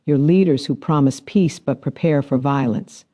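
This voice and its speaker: A man's voice: mid-range voice, normal speed, mellow, lightly acted. A man voicing a cool, aloof alien woman. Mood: cold, solemn. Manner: cool, solemn pronouncements. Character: calm, aloof female alien envoy.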